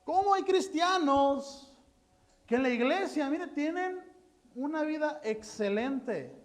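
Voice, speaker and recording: Animated high-voiced Mexican preacher. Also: male voice, slow. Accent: Mexican Spanish. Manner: animated, full of rhetorical questions and joking asides. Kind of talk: sermon.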